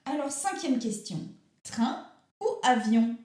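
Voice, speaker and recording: A woman's voice: fairly high pitch, expressive, takes it slowly, a little mellow, echoey room. A woman playing an earnest young radio interviewer who asks questions in a mock-formal, teasing way in a comic radio sketch.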